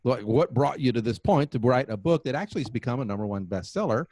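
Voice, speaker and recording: A man's voice: medium pitch, lively intonation, quick pace, a little mellow, dry recording. A man hosting a podcast, chatting casually and joking with his guest while asking lots of questions. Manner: playful, jokey, asks many questions. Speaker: podcast host. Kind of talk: casual interview chat.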